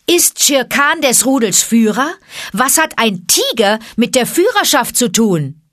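A woman's voice: on the low side, very animated, measured pace, husky, no room sound, studio quality, heavily acted. A woman voicing a bold, defiant boy raised by wolves in a storybook reading. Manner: crying out defiantly.

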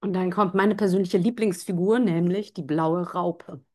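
A woman's voice: on the low side, fairly even intonation, normal speed, a little mellow. A woman hosting a live interview, asking questions and speaking to listening pupils. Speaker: host.

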